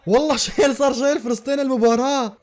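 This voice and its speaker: A man reacting live to a football match, excitable and full of repeated exclamations. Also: very high voice, very fast.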